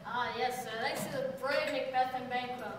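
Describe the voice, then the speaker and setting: A woman playing a gravely wounded soldier, gasping and faltering through a comic children's stage play. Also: sits high, steady tone, moderate pace, close to an everyday voice. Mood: weak, pleading. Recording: echoey hall from far off, faint noise.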